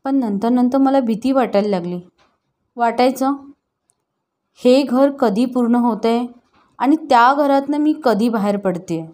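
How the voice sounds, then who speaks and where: A woman narrating an emotional family story in a calm, steady reading voice. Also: a little high, unhurried, long pauses.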